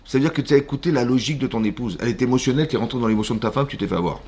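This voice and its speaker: A man with a French accent, a rabbi giving an animated Torah class in a synagogue, questioning his listeners and acting out voices. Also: medium pitch, racing, slightly rough. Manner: animated, asks the audience questions, acts out voices. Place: synagogue hall.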